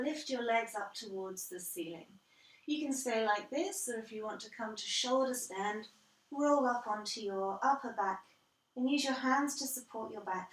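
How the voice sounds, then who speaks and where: A woman guiding a yoga class as instructor, calm and measured, step by step. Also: a little high. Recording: roomy echo, distant from the mic.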